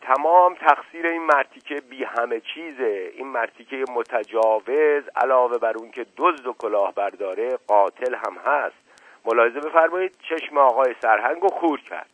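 A man's voice: mid-range voice, no echo, close to an everyday voice. Blustering, furious accuser, read by a man. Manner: angry, accusing, shouty. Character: hot-tempered, blustering middle-aged man, accusing. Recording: muffled phone-like radio sound.

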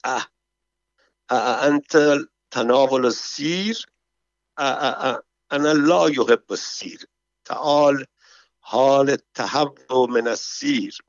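A man's voice: mid-range voice, a little mellow, no room sound, lightly acted. A man voicing a drunk, boastful courtier who drawls in broken Arabic, in a dull, dry recording. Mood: disgusted.

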